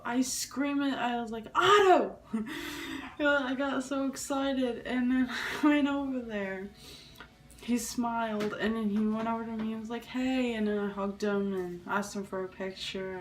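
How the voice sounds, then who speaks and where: A young woman telling a story in a casual vlog, excitable and rambling, with many restarts and fillers. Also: medium pitch, recorded from a distance, slight background noise, rough recording. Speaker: vlogger.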